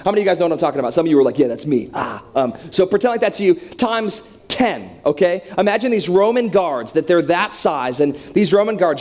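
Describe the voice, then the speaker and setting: A man's voice: high voice, a little mellow. A young man giving a storytelling sermon to students in a dramatic, conversational way. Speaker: youth speaker.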